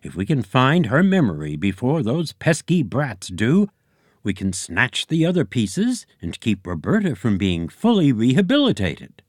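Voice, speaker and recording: A man's voice: mid-range voice, wildly swooping pitch, unhurried, dry recording, studio quality, pitched above the performer's own voice. A man reading a story, voicing a pompous, bossy male egg-alien leader who bellows his orders. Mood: commanding. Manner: bellowing, blustering. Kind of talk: audiobook character voice.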